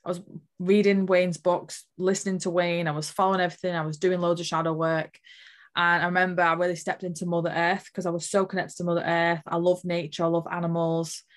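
A woman's voice: fairly low pitch, flat delivery, a little fast. A woman earnestly telling a personal spiritual story as an interview guest, emotional and full of fillers.

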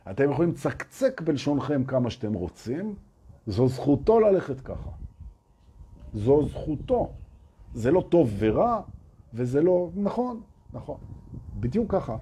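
Husky-voiced man giving an animated spiritual talk. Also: on the high side. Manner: emphatic, repeats key phrases, fires rhetorical questions at listeners. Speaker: spiritual teacher addressing an audience.

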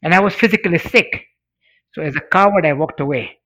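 A middle-aged Tanzanian man, a native Swahili speaker, tells a personal story in an interview, earnest and emphatic, repeating phrases for effect. His voice is a little high, brisk and somewhat bright, captured in dull, lo-fi sound.

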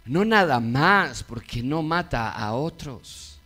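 A middle-aged man preaching a sermon, moving between loud emphatic peaks and quiet low asides, and acting out the quoted voices of his listeners. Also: lively intonation, takes it slowly. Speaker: pastor.

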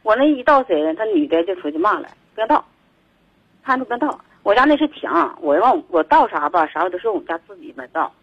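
A man's voice: sits high, very animated, a little fast, breathy edge, no echo. A man calling in to a radio show, talking in a rambling, agitated way and repeating himself over a muffled phone line. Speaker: caller.

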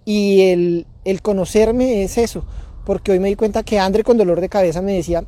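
A man's voice: high-pitched, fairly even intonation, normal speed, mellow. A man speaking outdoors in a neighborhood, hosting a parenting talk in a casual, reflective way, often repeating and restarting his words. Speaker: parenting podcast host.

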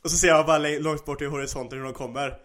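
A man's voice: fairly high pitch, fairly even intonation, fairly bright tone. A man in casual chat, enthusiastically recapping scenes and finishing his friend's sentences.

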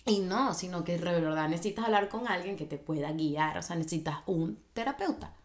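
Young woman, candid casual chat, slightly low voice, acts out quotes. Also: fairly quick.

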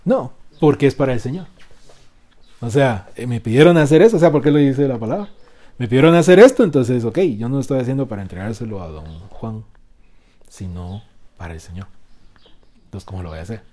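A man preaching a sermon, asking the congregation questions and swinging between loud and soft. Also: mid-range voice, lively intonation, brisk, pauses often. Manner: call-and-response with congregation.

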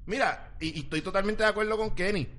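A man's voice: high voice, fast talker, fairly bright tone. A Puerto Rican man in a casual group debate who argues his point, cuts in and mixes in English words.

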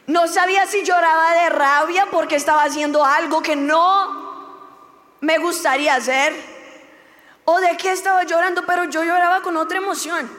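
Young woman w very high voice doing a testimony, acts out the dialogue, long echoey hall. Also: fairly bright tone. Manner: emotional storytelling, acting out dialogue. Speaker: church speaker giving testimony. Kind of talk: testimony sermon.

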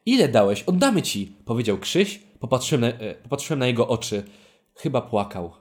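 A man's voice: mid-range voice, sing-song, fairly quick. Young guy co-hosting a podcast, voice all over the place, jokes while reading his lines. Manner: playful, joking, breaks off to comment. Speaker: podcast co-host. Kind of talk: reading a fan story aloud with a co-host.

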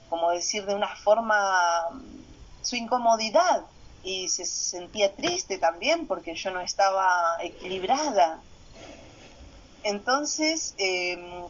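A woman sharing her personal story in a reflective testimony, pausing often with soft fillers. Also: medium pitch, muffled recording.

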